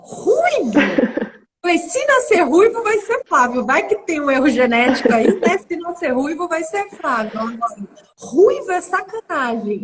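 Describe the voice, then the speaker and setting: A Brazilian woman with a slightly high voice speaks in a relaxed, conversational way as a guest on a live video chat. She keeps checking in with quick tag questions. A faint noise sits behind her voice. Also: low-quality recording. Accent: Brazilian Portuguese. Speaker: guest, prenatal psychology specialist.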